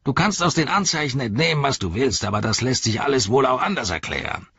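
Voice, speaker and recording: A man voicing a gruff, bossy male orc captain who barks out orders in an audiobook reading. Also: mid-range voice, expressive, fast, sharp tone, no room sound, voice pushed up, exaggerated voice. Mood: barking. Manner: barking, commanding tone.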